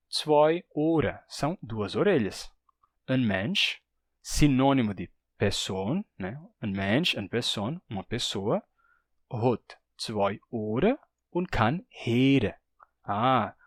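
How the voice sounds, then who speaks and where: A man's voice: medium pitch, dry recording, studio quality. Brazilian man explaining a language lesson. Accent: Brazilian Portuguese. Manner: explains step by step, often checks in with "né?". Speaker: language teacher.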